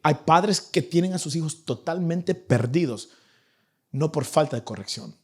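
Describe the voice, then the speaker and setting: A young man preaching a sermon to his church, animated and acting out the people in his stories. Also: a little high, a little slow, husky. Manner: animated, acts out nagging parents in a raised voice. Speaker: pastor. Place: church in Vancouver.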